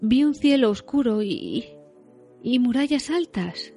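A woman's voice: on the high side, normal speed, faint music behind, pitched above the performer's own voice, natural voice. A woman voicing a frightened young hobbit who stammers and pleads, in a storybook reading. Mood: hushed, shaken.

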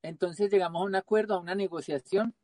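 A Colombian man, a guest, telling a travel story in a lively way and acting out the dialogue. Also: sits high, fast talker, dry recording. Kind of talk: casual storytelling interview.

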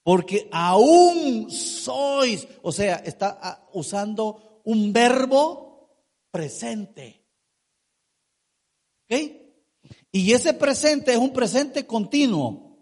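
A man's voice: sits high, lively intonation, very slow, long pauses. A man preaching a sermon, emphatic, asking rhetorical questions and drawing out key words.

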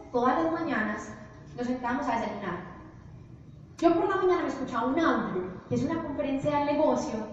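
A young woman giving a motivational business presentation, telling stories to an audience with lively animation. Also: high-pitched, slight background noise. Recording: echoey hall, distant, dull.

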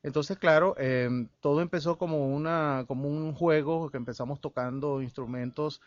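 A man from El Salvador, a guest musician and researcher, talks in a radio interview, pausing often with fillers and restarts. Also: on the high side, dry recording. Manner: halting, with many fillers and restarts. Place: radio studio. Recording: dull lo-fi radio broadcast.

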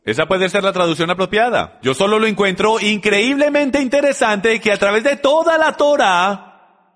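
A man with a high voice gives an emphatic Bible-teaching sermon and calls out to his listeners as friends. His voice rings with a long hall reverb. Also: a bit bright. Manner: emphatic, addresses the audience directly.

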